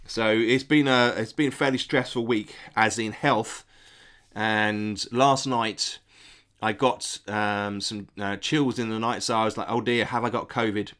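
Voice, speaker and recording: A middle-aged man with a cold-stuffed nose hosts a casual live stream, answering chat in a friendly but hesitant way with many ums and restarts. His voice is lowish, steady, fairly bright, and unhurried.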